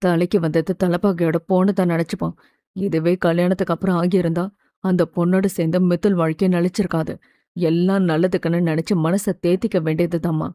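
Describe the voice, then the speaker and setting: A woman voicing a calm older father who consoles his daughter, her voice pitched lower and quick. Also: no echo, studio quality, close to an everyday voice. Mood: consoling. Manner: soothing, reassuring.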